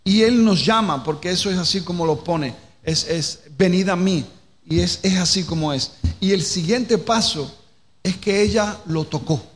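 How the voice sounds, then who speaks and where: A man's voice: high voice, moderate pace. A pastor from preaching a sermon, asking the congregation questions and repeating phrases as he works toward each point. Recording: reverberant hall with faint noise.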